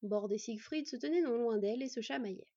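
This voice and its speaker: A woman narrating a story aloud in a calm, even reading voice, in a slightly muffled recording. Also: fairly high pitch, a little fast, slightly rough, dry recording.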